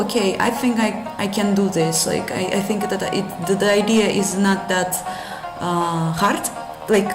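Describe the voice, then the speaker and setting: A Russian woman with a Russian accent develops game engines and talks through her thinking on a live coding stream, replying to chat in halting English that she keeps correcting. Her voice is on the low side. The room sounds spacious, with music playing in the background.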